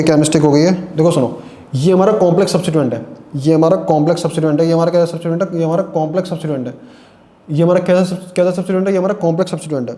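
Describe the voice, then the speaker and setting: Male tutor, high mellow voice, tired, self-quizzing lecture style, echoey room. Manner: repeats questions and answers them himself; speaks Hindi mixed with English terms. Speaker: chemistry teacher. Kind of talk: classroom lecture.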